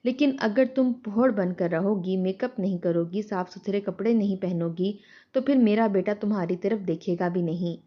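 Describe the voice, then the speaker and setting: A woman's voice: mid-range voice, natural voice. Bossy, lecturing village aunt read by a woman, slightly muffled storybook recording. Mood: insistent. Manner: insistent, lecturing.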